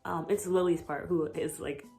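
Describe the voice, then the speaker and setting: A young American vlogger keeps a steady tone and moderate pace, her lowish voice a bit mellow against soft background music. Even so, her casual chat rambles and gushes, packed with fillers and giggles.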